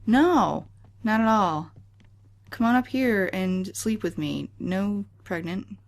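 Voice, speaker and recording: A woman's voice: mid-range voice, animated, takes it slowly, gravelly, pitched above the performer's own voice. A woman voicing a flirty, dismissive pregnant woman from a life-sim game, in a breezy, mock-sweet way.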